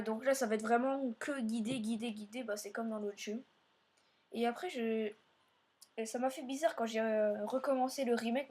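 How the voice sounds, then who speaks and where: A woman's voice: on the high side, a little mellow. Meandering woman narrating her gameplay. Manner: meandering, filler-heavy narration while playing; speaks directly to viewers. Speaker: let's play host. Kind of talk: let's play commentary.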